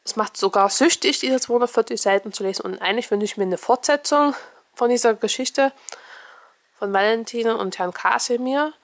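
A woman blogging about children's books, giving a review and reading aloud in a lively, expressive way. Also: a little high, normal speed.

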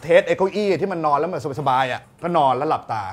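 A man co-hosting a casual comedy talk show, telling prank stories in an animated way with laughter. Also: a little high, quick pace, slight background noise. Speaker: co-host.

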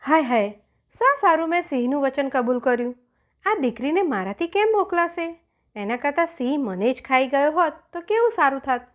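A woman's voice: high-pitched, lively intonation, moderate pace. A woman voicing a frightened merchant father in a storybook reading, anxious and pleading. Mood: anguished.

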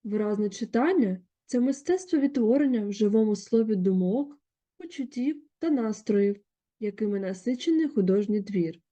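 A woman teacher giving a recorded lesson, explaining steadily in a measured, instructive way. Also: medium pitch, animated, dark tone, lo-fi sound. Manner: measured, instructive, clearly paced. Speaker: literature teacher.

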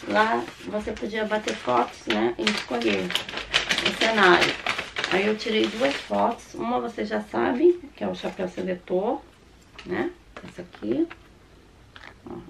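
A woman's voice: mid-range voice, expressive, unhurried, creaky, noisy background. Throaty Brazilian woman with a sore throat. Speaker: vlogger. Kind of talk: casual chat showing purchases to camera. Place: small room at home, indoors.

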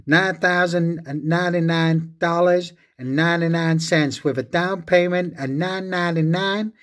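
A slick, pushy American used-car lot salesman with a put-on American accent, pitched well above the speaker's normal voice, pushed out loud and with a changed timbre, as a British man sends him up. He rattles off prices full of nines in a hammy sales patter. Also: fairly even intonation, unhurried. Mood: salesy, hamming.

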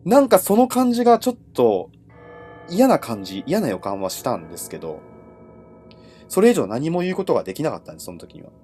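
A man telling ghost stories as a livestream host in casual, conversational speech, with dramatic pauses and phrase endings that trail off. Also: on the high side, wildly swooping pitch, dark tone, faint music behind. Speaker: horror storyteller and host.

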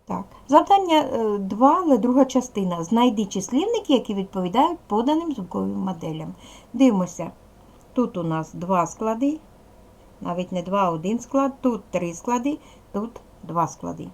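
A woman's voice: medium pitch, sing-song, moderate pace, creaky, darkish tone. A woman teaching a video lesson to young pupils, patient, asking questions and answering them herself. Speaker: primary school teacher.

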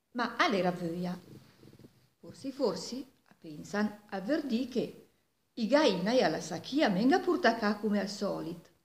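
An echoey home recording of an elderly woman with a Milanese accent telling a folk tale. Her pitch sits in the middle for a woman, and she tells the story in an animated way, as an oral storyteller. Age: 70s. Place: living room at home, indoors. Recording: echoey room, distant microphone.

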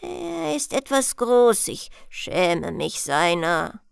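A woman voicing Death, a bored and menacing male skeleton, with a slow, low, yawning drawl in a storybook reading. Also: big pitch swings, creaky, clean tone, no echo, studio quality, exaggerated voice. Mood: sly.

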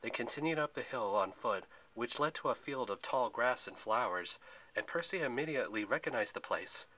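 A man reads a story aloud with expressive, dramatic narration and the occasional slip. His voice sits at a middling pitch and has a bright, forceful edge. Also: normal speed, poor audio.

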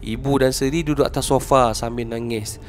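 A man's voice: medium pitch, steady tone, moderate pace, a little hiss or hum. A man with a Malaysian accent telling a horror story casually, with chatty asides and dramatic emphasis.

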